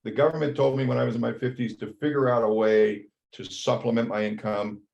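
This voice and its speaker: A man in his seventies giving an earnest, halting public comment over a video call. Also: mid-range voice, steady tone, creaky, a little mellow, dull audio. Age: 70s. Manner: halting, earnest, pressing to keep talking.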